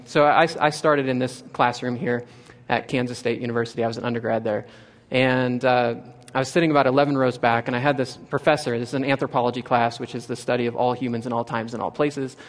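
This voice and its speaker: An earnest young man from Nebraska tells a personal story in a talk. His voice sits at a middle pitch. He often restarts phrases and goes higher when he quotes what others said. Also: steady tone, brisk. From Nebraska, USA. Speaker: speaker giving a talk.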